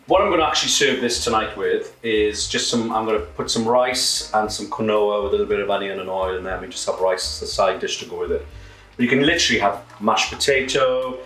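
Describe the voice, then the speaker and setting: In an indoor kitchen, a camp and cheeky British man presents his own recipes casually as a home cook. His voice sits on the low side with a fairly bright tone, though the sound is reverberant and poor.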